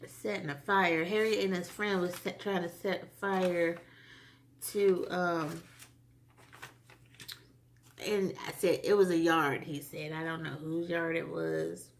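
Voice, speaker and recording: Gravelly low-voiced woman recapping a show. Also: fairly even intonation, takes it slowly, pauses often. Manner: rambling, chatty, with frequent fillers. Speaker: TV episode reviewer. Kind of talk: casual recap vlog.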